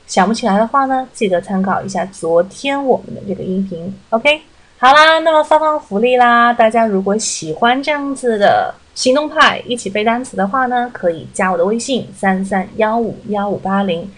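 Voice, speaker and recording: A woman with a slightly high voice runs a short vocabulary lesson. She explains in a friendly, chatty way and says each English word slowly, more than once, to show where the stress falls. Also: animated, a bit bright, poor audio. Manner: slowly repeats English words to stress the pronunciation.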